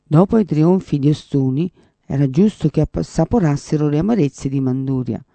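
A man's voice: a little high, moderate pace, creaky, dark tone, dry recording. A man voicing an earnest, devout male professor who explains and quotes scripture.

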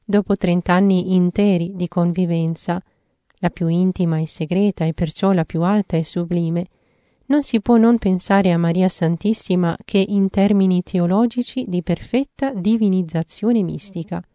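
A woman giving a measured, earnest reading of a devotional theological text. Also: fairly low pitch, fairly even intonation, dark tone, no room sound.

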